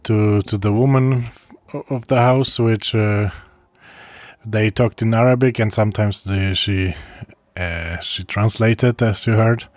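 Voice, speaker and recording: Slow, halting man recounting his travels. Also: lowish voice, steady tone, no room sound. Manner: halting, with frequent pauses and restarts; soft chuckles between phrases. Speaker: traveler recording a video diary. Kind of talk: casual first-person travel diary.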